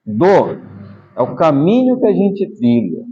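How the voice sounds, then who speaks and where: Animated Brazilian taekwondo master. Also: male voice, a little high, a little slow. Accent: Brazilian Portuguese. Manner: animated, explains patiently with small asides. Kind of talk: casual interview storytelling. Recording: slightly dull lo-fi audio.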